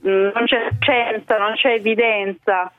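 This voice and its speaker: A woman's voice: medium pitch, steady tone, measured pace, soft background music. A woman guest on a live radio phone-in, speaking bluntly and profanely. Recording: tinny phone line.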